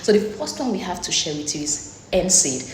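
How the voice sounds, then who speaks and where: A woman's voice: fairly low pitch, very animated, moderate pace. A young woman nurse presenting a casual health explainer in a chatty, teasing way. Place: lecture room. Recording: echoey lecture hall with faint noise.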